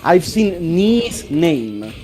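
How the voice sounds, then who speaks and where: A man's voice: high-pitched, big pitch swings, very slow, mellow. A man chatting casually, asking questions bluntly and repeating phrases for emphasis.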